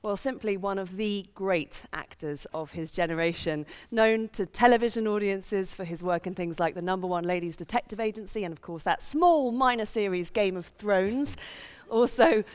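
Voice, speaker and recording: A woman's voice: medium pitch, normal speed, few pauses, clean tone. Enthusiastic woman hosting onstage. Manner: bright, enthusiastic presenter. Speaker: interview host. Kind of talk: onstage interview. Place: large theatre stage.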